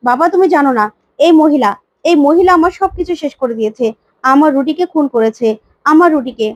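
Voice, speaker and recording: A woman's voice: sits high, a little fast, no echo, highs cut off, close to an everyday voice. A woman doing a hot-tempered young widow. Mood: accusing. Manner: agitated, accusing.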